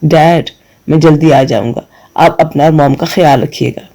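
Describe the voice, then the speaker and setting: A man voicing a determined young man who answers in a flat, restrained way. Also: on the high side, natural voice, poor audio.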